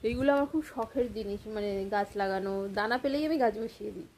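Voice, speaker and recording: A young woman with a Kolkata Bengali accent, talking softly to the camera in a casual vlog. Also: a little high, fast. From Kolkata, India. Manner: speaking softly and hushed. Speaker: vlogger. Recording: loud steady hiss.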